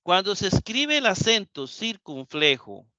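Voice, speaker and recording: A man's voice: high voice, sing-song, unhurried, pushed and bright, dry recording, dull audio. A man teaching Greek in a live class lecture. He repeats the key points and keeps asking the students questions.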